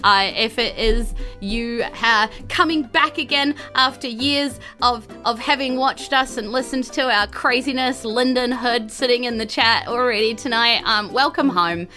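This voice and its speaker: A woman with a New Zealand accent hosts and runs the game on a live tabletop show, bubbly and expressive as she chats. Her voice is a little high, and she's unhurried yet barely pauses, with soft music playing behind her.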